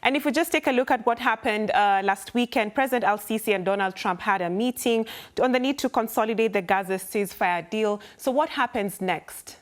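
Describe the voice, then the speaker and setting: A woman's voice: medium pitch, fairly quick, hardly any pauses. A woman presenting a news programme, putting formal questions to a guest in a broadcast interview.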